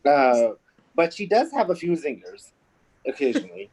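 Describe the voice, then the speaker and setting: Halting man. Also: fairly high pitch, big pitch swings, gravelly, a little mellow, breathy edge, poor audio. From Kuwait. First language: Arabic. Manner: halting, explanatory. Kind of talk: casual chat.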